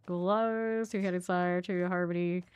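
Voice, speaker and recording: A woman's voice: fairly low pitch, steady tone, slow, clear, resonant tone. A woman streaming a game, chatting casually and rambling to her viewers as she plays. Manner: chatty, rambling, talks to chat. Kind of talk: casual gameplay chat.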